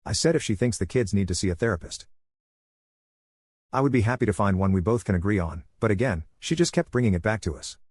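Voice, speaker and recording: A man narrates an online story at a brisk clip, his voice slightly low and husky. He keeps a matter-of-fact storytelling manner throughout. The recording is dry, with no room sound. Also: animated, darkish tone, dry recording.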